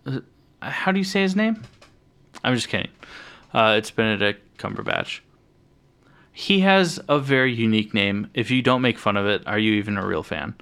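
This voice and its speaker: A man co-hosting a casual podcast about superhero films, excited and jokey, swearing casually. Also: on the low side, normal speed, gravelly, smooth. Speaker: podcast co-host.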